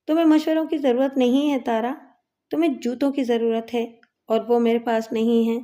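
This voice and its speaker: A woman's voice: fairly high pitch, fairly even intonation, warm tone, close to an everyday voice. A woman reading the lines of a bossy but caring woman inmate who gives firm advice. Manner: firm, commanding.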